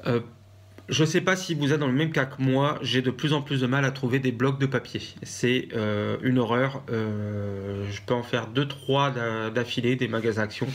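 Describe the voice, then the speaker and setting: A man from France with a French accent chats casually in a craft haul vlog, his voice mid-range and steady. He's hesitant, pausing often with fillers and restarts.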